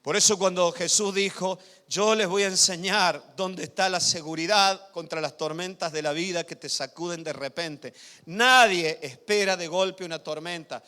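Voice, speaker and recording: A male pastor preaching a sermon, swinging loud emphatic passages to quiet intimate asides and often asking the congregation whether they follow. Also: sits high, moderate pace, clear, resonant tone. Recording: reverberant church hall.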